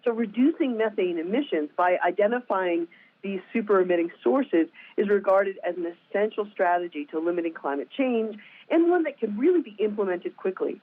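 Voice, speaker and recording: A woman's voice: mid-range voice, animated, fairly quick. A woman science director giving upbeat prepared remarks at a press briefing, with occasional fillers. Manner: upbeat, lightly scripted with some fillers. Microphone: telephone. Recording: tinny phone line.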